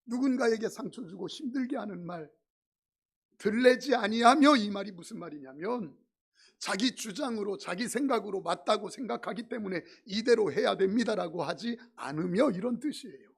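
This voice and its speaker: A man's voice: sits high, lively intonation, normal speed, gravelly, slightly rough. A middle-aged male pastor preaching a sermon in a church, mixing humorous stories with emphatic points. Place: church sanctuary.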